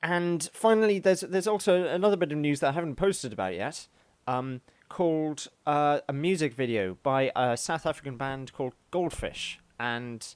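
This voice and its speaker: Guy cohosting a podcast, kinda high voice, deadpan jokes, dry no-echo sound. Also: moderate pace, clean tone. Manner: deadpan joking. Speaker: podcast co-host. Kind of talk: casual podcast chat.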